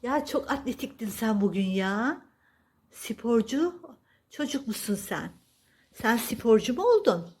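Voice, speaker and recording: A woman's voice: fairly high pitch, big pitch swings, slow, darkish tone. A woman at home chatting casually and cooing baby talk to her cats, her voice swinging up in a sing-song way. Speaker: cat owner vlogger.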